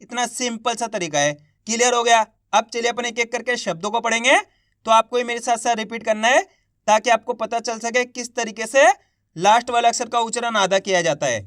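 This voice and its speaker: Male reading teacher, high-pitched, slow drilling delivery, dead-dry close recording. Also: fairly bright tone, no echo. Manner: spells out syllables and drills the viewer to repeat. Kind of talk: slow, patient teaching for beginners.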